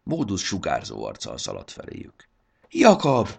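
A man reading a children's fantasy story aloud with expressive narration. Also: sits low, gravelly, slightly rough.

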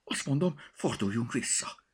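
A man's voice: low voice, sing-song, creaky, bright, forceful tone, breathy edge, heavily acted. A man voicing a cautious, timid talking cat in a storybook reading, with worried, nagging warnings. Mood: frightened.

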